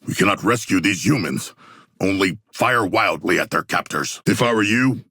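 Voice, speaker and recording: A bloodthirsty video game shark warrior, deep and gravelly. His speech is grand, formal and literal-minded, swinging widely in pitch with theatrical pride. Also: expressive, moderate pace, bright, forceful tone, no room sound, clean studio sound, heavily acted. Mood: measured, lofty. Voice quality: gravelly, husky. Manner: stilted, grandiose formal diction.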